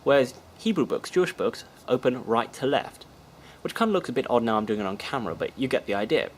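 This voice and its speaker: A man's voice: mid-range voice, quick pace, slight background noise, rough recording. A man hosting a casual video journal, telling funny stories and acting out bits of dialogue. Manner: animated, acts out dialogue in voices. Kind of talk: casual storytelling vlog.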